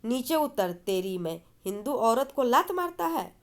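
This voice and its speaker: Skinny worked-up clerk yelling, read out by a woman, pitch up a bit. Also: big pitch swings, measured pace. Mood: agitated. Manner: shouting, agitated. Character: thin, excitable clerk man, shouting in anger.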